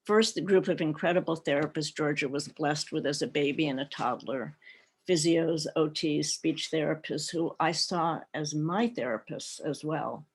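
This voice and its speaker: A woman's voice: deep voice, normal speed, breathy edge. Middle-aged woman, panelist on a video call, reflective storyteller with easy light laughter. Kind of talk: personal talk at an online panel.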